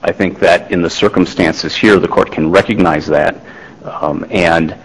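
A man, a lawyer, making a formal oral argument before a court, measured, with restarts and fillers. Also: low voice, fairly even intonation, in a large hall, slight background noise, poor audio. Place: large courtroom.

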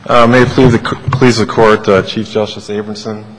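A man giving a formal oral argument as an attorney, hesitant and halting, with very frequent ums and uhs. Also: on the low side, little pitch movement, slight background noise. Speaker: attorney arguing an appeal. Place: large courtroom. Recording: reverberant courtroom.

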